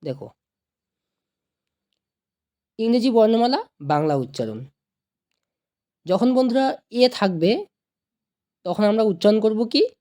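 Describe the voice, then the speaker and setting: Teacher on a video lesson, mellow voice, patient, keeps checking everyone's following along. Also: medium pitch, animated, takes it slowly, long pauses. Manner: patient, repeats and checks understanding; addresses viewers warmly as friends. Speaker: online English teacher.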